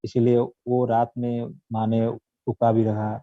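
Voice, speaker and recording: A man's voice: mid-range voice, monotone, slow, no echo. Guy telling a temple story, plain, dull muffled sound, dry. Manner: simple storytelling, plain retelling. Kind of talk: devotional story narration.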